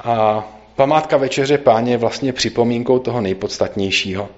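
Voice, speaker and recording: A man's voice: mid-range voice, darkish tone. Man, preacher, sermon and scripture reading, earnest, church service, muffled lo-fi sound. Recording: dull lo-fi recording.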